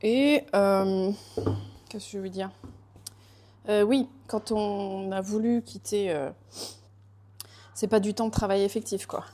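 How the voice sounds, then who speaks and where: Hesitant woman pastry chef, mellow voice. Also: mid-range voice. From France. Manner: hesitant, many fillers and restarts. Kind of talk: casual conversation.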